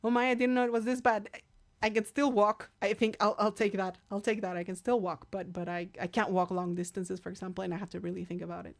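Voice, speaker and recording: A woman's voice: mid-range voice, flat delivery, fast. A woman hosting a live stream, chatting casually, reading out viewer comments, thanking people by name and laughing often. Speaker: livestream host and singer.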